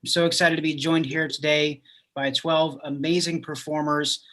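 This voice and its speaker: A man's voice: on the high side, little pitch movement, normal speed, fairly bright tone, low-quality recording. A man hosting a live online roundtable, welcoming guests in an upbeat way with some fillers over a video call. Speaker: festival host.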